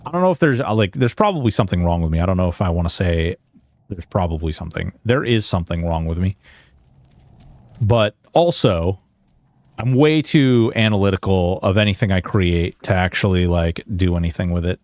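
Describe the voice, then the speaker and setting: Low-voiced and darkish in tone, this man in his early forties chats casually to his livestream audience as he games. He speaks haltingly, mocks himself, and throws in some mild swearing, with no echo on the audio.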